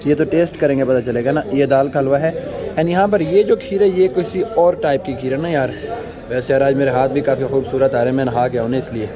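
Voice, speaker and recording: Here a young man speaks a little fast in a mid-range voice, reviewing food vlog-style with a Pakistani accent and casual English borrowings. Dull audio captures him over the loud crowd chatter of a big indoor restaurant.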